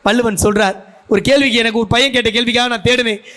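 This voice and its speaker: A man's voice: very high voice, fairly even intonation, quick pace, bright, forceful tone. A man giving a guest speech at a school function, telling stories and putting questions to the audience as a seasoned debate speaker. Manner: storytelling orator who asks the audience questions.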